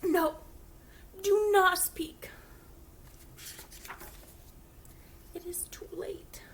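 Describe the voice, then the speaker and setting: A woman's voice: extremely high pitch, slow, voice pushed up. A woman doing a fretful sneezing elephant. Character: anxious sneezing male elephant.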